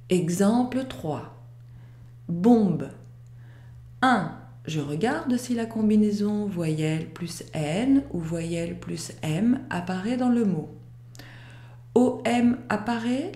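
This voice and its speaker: A woman teaching a pronunciation lesson, walking through each rule step by step with careful, deliberate enunciation. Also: medium pitch, warm tone, reverberant. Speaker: French teacher. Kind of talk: slow, methodical pronunciation lesson.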